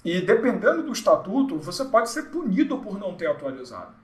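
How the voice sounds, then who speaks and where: A man's voice: sits high, huge pitch swings, brisk, reverberant, low-quality recording. A man with a Brazilian Portuguese accent teaching an informal exam-prep law lesson, chatty and joking, often acting out the people he quotes.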